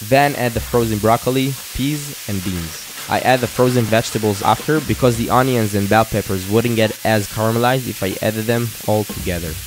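A young man giving calm, step-by-step cooking instructions in a scripted voice-over. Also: on the low side, normal speed, hardly any pauses, background noise. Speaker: fitness cooking creator. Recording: voice-over over loud music. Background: background music.

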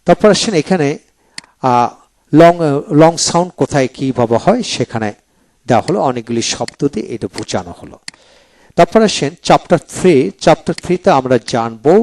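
A man giving a video lecture on English pronunciation, going through a book chapter by chapter and repeating example words slowly. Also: medium pitch, darkish tone. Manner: explains step by step, repeats example words slowly, often says "then come".

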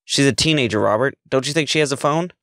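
A man's voice: medium pitch, expressive, fairly quick, creaky, fairly bright tone, no room sound, clean studio sound. A man voicing a menacing female kidnapper who talks in a soothing yet sarcastic way. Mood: sharp, sarcastic.

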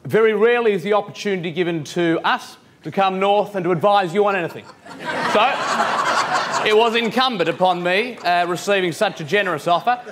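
A young man from Victoria speaks from a conference stage with a somewhat raised pitch. He talks animatedly, gesturing as he goes and dropping in fillers between points. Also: a bit bright. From Victoria, Australia. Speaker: guest speaker.

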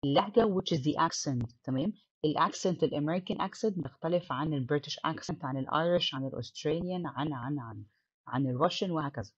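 A woman's voice: deep voice, fast talker, husky, no room sound, muffled recording. A woman with an Egyptian Arabic accent teaching an English lesson, mixing English words into her Arabic explanation.

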